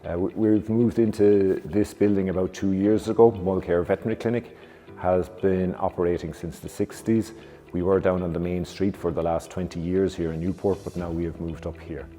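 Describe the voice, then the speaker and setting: Very mellow, deep Irish man. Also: steady tone, normal speed, faint music behind. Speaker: vet clinic representative. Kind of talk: welcome to camera. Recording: long reverberant room sound.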